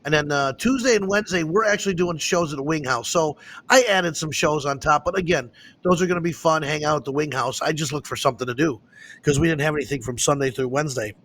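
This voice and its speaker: A man hosting a casual talk show, chatting and telling stories in an excitable, animated way. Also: a little high, fast talker, slight background noise. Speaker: host. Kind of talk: casual chat.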